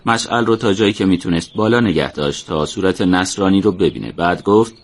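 A man narrating a scripted adventure story in a steady, colloquial storytelling manner. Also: low voice.

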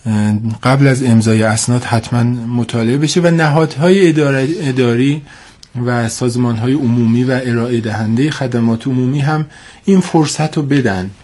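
Medium in pitch with a darkish tone, this man's voice is affected by a cold and a stuffy nose. As an expert guest on a radio interview, he speaks formally and hesitantly and repeats points for emphasis.

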